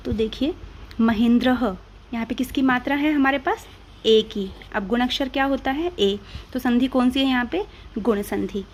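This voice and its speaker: Indian lady teacher, patient, asks then answers herself, bit high voice. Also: normal speed, darkish tone, a little hiss or hum. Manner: patient, asks and answers her own questions. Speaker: Hindi grammar teacher. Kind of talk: classroom-style explanation.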